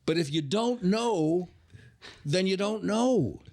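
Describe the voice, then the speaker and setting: On a talk show, a male guest chats casually and tells stories, frequently halting and repeating himself. His voice is high-pitched and animated with a slightly mellow quality.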